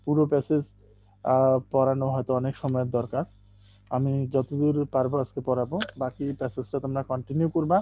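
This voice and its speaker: A man teaching English in an online live class. He explains step by step with many okays, and reads English lines out slowly to drill pronunciation. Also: medium pitch, mellow, dull audio, a little hiss or hum.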